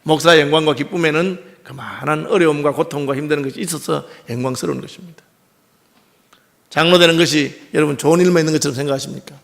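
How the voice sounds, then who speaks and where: A middle-aged male pastor speaking with a Gyeongsang accent delivers a chatty sermon in the sanctuary, frequently asking the congregation rhetorical questions. He talks fast in a fairly high, slightly bright voice with vocal fry.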